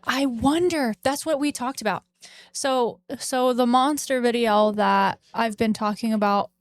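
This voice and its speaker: A woman's voice: a little high, a little slow, no echo, clean studio sound. A woman streamer in casual chat after a game, talking in a chatty way with many fillers. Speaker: streamer host.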